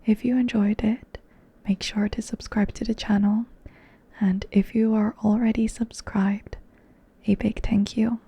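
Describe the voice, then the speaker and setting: A woman ASMR creator closing her video in a soft, breathy whisper. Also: medium pitch, level tone, a little slow. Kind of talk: ASMR outro.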